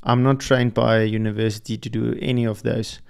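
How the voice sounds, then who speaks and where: A young man whose first language is Afrikaans hosts a podcast, reflecting alone in a hesitant solo monologue full of restarts and fillers. His mid-range voice is flat and fairly quick, with vocal fry and a clean tone.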